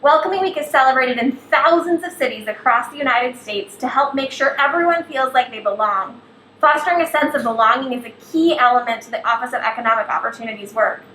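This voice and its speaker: A woman with a high, sharp voice speaks a little fast as she hosts a live cooking show from her kitchen, upbeat and addressing viewers at home directly. The kitchen sounds echoey, with faint background noise.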